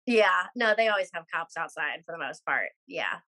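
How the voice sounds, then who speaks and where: A woman's voice: fairly low pitch, very animated, moderate pace, bright, forceful tone, poor audio. A woman in her late twenties from Philadelphia, chatting casually as a podcast guest in a rambling way with lots of fillers. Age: 20s. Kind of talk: casual chat.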